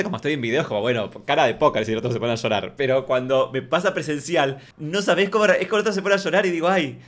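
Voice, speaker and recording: A man with an Argentine accent hosting a comedic parody news show, chatting casually with theatrical asides. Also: a little high. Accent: Argentine Spanish.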